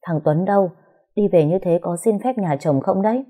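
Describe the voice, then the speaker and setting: A woman's voice: on the low side, lively intonation, normal speed, dark tone. A woman voicing an anxious older mother from the countryside, pleading and scolding. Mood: fretful. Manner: fretful, pleading.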